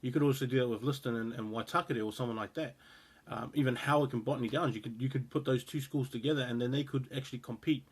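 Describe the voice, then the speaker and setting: A New Zealand-accented rugby show host in his thirties talks fast in a steady, slightly rough, mid-range voice. He gives his opinion casually to the camera, rambling with lots of fillers and restarts.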